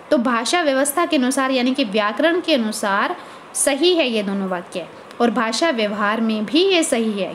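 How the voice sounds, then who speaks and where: A woman with a high voice teaches a college language lecture in Hindi. She explains step by step, often asking a question and then answering it herself. A faint background hum sits under her voice.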